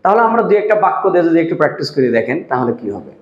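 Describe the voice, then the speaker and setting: A man's voice: fairly high pitch, very animated, racing. A man teaching a language lesson, repeating each point and asking the viewer questions. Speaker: English teacher. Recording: echoey room, dull lo-fi sound.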